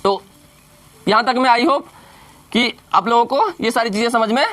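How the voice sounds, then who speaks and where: A male teacher giving a classroom grammar lesson, who keeps asking questions and answering them himself, spelling words out slowly letter by letter. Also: extremely high pitch, fairly bright tone.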